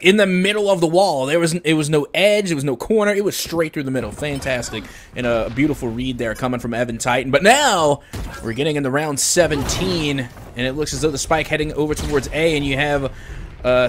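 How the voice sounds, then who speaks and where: Male esports co-caster, energetic play-by-play, fairly high voice, faint background noise. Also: a little fast. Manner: energetic, hypes big plays. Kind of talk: play-by-play commentary.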